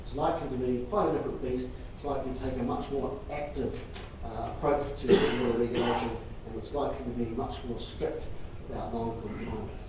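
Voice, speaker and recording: A man giving a public talk and taking questions, speaking in a measured way and repeating phrases for emphasis. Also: mid-range voice, steady tone. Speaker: presenter taking audience questions. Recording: echoey room, distant mic, noisy.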